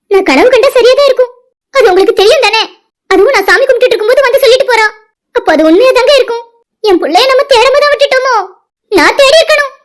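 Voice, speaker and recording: Lady voicing a squeaky, quick tearful cartoon mom begging for her missing kid. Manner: pleading, fast. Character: grieving mother calling for her lost daughter. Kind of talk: cartoon voice acting.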